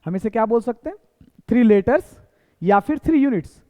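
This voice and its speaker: Very high-pitched yet darkish in tone, this man's voice is animated and brisk. He leads a simple English classroom lesson, going over points again and again and throwing out rhetorical questions, recorded with hall echo and a tinny, phone-like quality.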